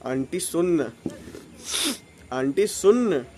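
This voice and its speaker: A man voicing his own cool, menacing young male alter ego, talking slow, low and threateningly. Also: lively intonation, mellow, slight background noise.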